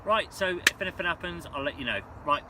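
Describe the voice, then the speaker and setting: A man's voice: on the high side, fast. A British man chatting casually to camera in a rambling, understated way, outdoors while fishing. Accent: British English. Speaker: angler filming a fishing vlog. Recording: noisy outdoor recording with steady ambience.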